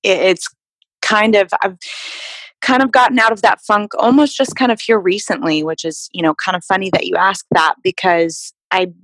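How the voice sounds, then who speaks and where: A woman's voice: medium pitch, fairly even intonation, normal speed, fairly bright tone, no echo, rough recording. A young woman from Texas, a fitness model guest, talking casually with lots of fillers and restarts. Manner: chatty, many fillers and restarts. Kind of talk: casual interview conversation.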